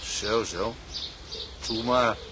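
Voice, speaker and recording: This actor's older sea captain is a thrifty, paternal figure from a radio drama, delivered slowly and deliberately with humming and murmurs that repeat. The male voice here is lowish, and there's background noise. The tone is inquisitive, as if he's probing for answers.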